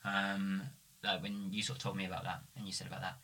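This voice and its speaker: In a deep voice and at a fast clip, a podcast host chats casually with his guests, asking loose questions crammed with "like" and "sort of." There is slight background noise.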